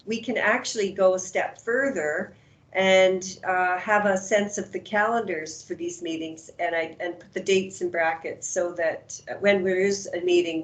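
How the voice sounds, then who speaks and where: A woman administrator answers at a council meeting in a lowish voice, choosing her words in a measured, formal way. She sets out procedure with careful politeness. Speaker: chief administrative officer.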